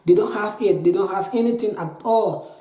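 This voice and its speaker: A man's voice: high-pitched, normal speed, mellow, echoey room, rough recording. A Liberian man in his twenties with a Liberian accent, telling his own story in an interview, earnest and pleading, often repeating himself. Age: 20s. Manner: pleading, repetitive, restarts often. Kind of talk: earnest personal account.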